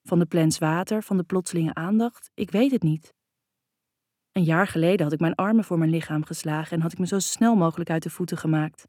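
A woman narrating a first-person novel in a calm, even reading voice. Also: lowish voice, a little fast, dry recording, clean studio sound. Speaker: audiobook narrator.

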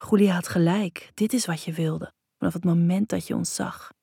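A woman voicing a man who is a lover, in a husky whispered role-play. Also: lowish voice, steady tone, moderate pace, mellow, no room sound, studio quality, full character voice. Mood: hushed. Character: a man, lover, low and insistent.

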